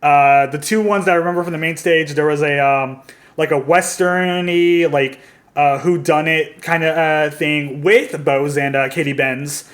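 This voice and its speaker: A man's voice: fairly high pitch, fairly even intonation, moderate pace, fairly bright tone. A man hosting a casual podcast, recalling events in a rambling way with frequent hesitations. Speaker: podcast host.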